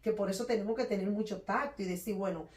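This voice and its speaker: A woman with a Dominican accent talks fast and loudly, full of energy, sharing her own experiences in a relaxed faith chat. Her voice sits at an ordinary middle pitch. It echoes around the room and comes from some distance from the mic. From Dominican Republic. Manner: loud, fast, animated talker. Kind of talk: casual conversation about faith and emotions.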